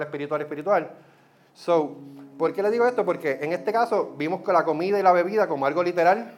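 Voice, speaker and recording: A man preaching a sermon as pastor, in a lively, conversational way that drops in English words. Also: fairly high pitch.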